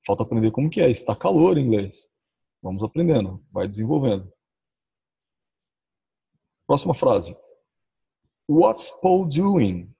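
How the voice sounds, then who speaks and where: A man with a Brazilian Portuguese accent teaching English in a recorded lesson, saying the English example phrases slowly and drawn out. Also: lowish voice, expressive, creaky, dark tone, husky. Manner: says English model phrases slowly and drawn out, often adds "ó".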